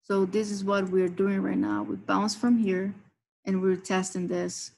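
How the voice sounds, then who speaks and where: Slow, gravelly-voiced woman trading host. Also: medium pitch, little pitch movement, a little mellow, low-quality recording. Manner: explanatory, talks members through price levels. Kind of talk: live chart walkthrough.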